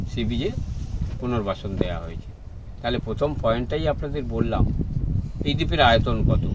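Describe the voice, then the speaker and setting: A man, giving guided tour commentary on a boat deck and laying out his points one by one. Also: on the high side. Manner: explanatory, counts points off as a lecture. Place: open deck of a boat at sea. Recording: wind and boat noise outdoors.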